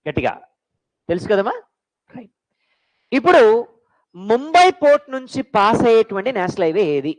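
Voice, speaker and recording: A woman's voice: mid-range voice, big pitch swings, brisk, long pauses, poor audio. Lady teacher, lecture for exam prep, voice jumps up and down a lot, keeps firing questions at the class. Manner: quizzing students with call-and-response questions; mixes English phrases into Telugu.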